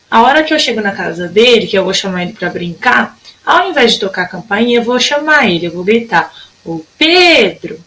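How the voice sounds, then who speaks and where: A young adult woman with a Brazilian Portuguese accent teaching a recorded lesson to children, patient and stretching words out slowly to show them. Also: medium pitch, fairly bright tone, poor audio. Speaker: primary school teacher.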